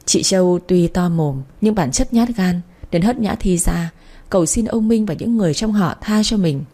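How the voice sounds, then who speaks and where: Brief: woman storyteller, warm and mellow, steady dramatic narration. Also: on the low side, moderate pace.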